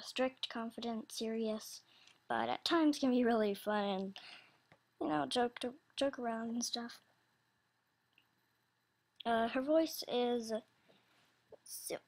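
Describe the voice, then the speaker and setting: A young woman speaks in a high, youthful voice with a slightly childish quality, chatting casually and without a script. She goes slowly, rambling and pausing as she hunts for words, while announcing auditions for animation voices as a video creator.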